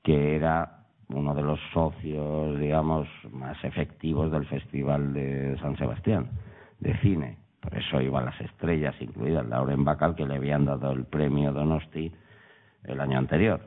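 A man from Madrid tells a long, digressive anecdote as a radio guest, full of wry humor and animated asides. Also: very deep voice, normal speed. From Madrid, Spain. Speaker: guest writer. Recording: tinny phone-like line.

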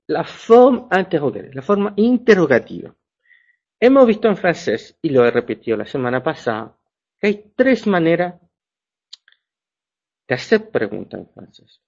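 A man's voice: a little high, darkish tone. Man teaching in a lo-fi recording. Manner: explanatory, checks understanding with "ya". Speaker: French teacher. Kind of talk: classroom lecture. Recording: dull lo-fi sound.

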